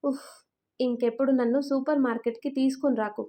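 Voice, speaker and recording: A woman's voice: high-pitched, steady tone, brisk, dark tone, natural voice. A woman voicing a young husband who jokes and mock-complains to his wife, in an audio storybook. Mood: grumbling.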